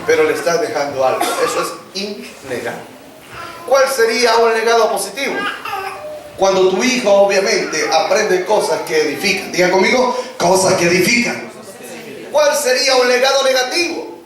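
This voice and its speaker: A man's voice: high voice, animated, normal speed, crowd noise. A man preaching a sermon, leading call-and-response and acting out family dialogues. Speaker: pastor. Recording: echoey church hall, distant mic, congregation.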